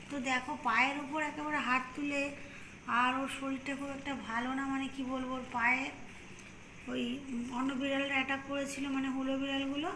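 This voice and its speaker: A woman's voice: high-pitched, background noise. A woman in her thirties chatting casually to her viewers from home in a rambling way, full of fillers. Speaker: home vlogger. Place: at home indoors.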